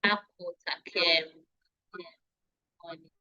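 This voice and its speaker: A woman hosts an online session, reading out attendees' names and checking how to say them. Her voice sits fairly low. It comes through dull and lo-fi over a video call. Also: fairly even intonation, sharp tone. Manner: unhurried, reading names aloud and pausing over pronunciations. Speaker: webinar host. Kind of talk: greeting attendees by name before an online session.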